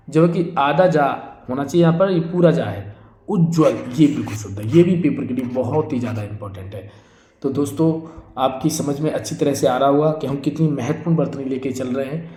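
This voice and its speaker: A man's voice: medium pitch, dark tone. A man teaching an exam-prep spelling lesson, repeating each word and asking and answering his own questions. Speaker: Hindi teacher. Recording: echoey room.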